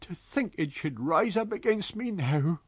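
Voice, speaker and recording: A man voicing a frightened middle-aged village landlady, pitched high, with excited dialect speech. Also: brisk, no echo, clean studio sound, full character voice. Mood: alarmed.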